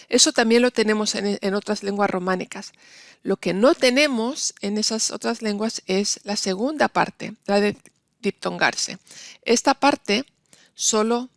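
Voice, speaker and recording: A woman teaching a university Spanish linguistics lecture, explaining patiently and slowing down to stress example words. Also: medium pitch, creaky, dry recording, studio quality.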